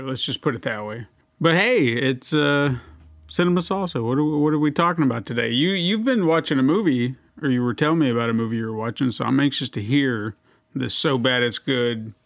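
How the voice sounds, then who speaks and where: A man's voice: medium pitch, dry recording, clean studio sound. A middle-aged man hosting a film podcast, chatting casually and joking, often stumbling and restarting his sentences. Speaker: podcast host.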